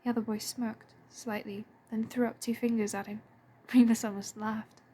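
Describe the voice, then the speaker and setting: A woman reading a story aloud in a soft, breathy and hushed way. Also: on the high side, level tone, normal speed. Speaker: fan audiobook reader. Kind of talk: storybook narration.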